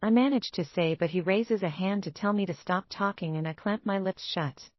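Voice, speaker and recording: A woman's voice: medium pitch, moderate pace, no echo. A woman narrating a first-person audiobook story in an earnest, emotional way. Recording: dull, dry lo-fi studio voice-over.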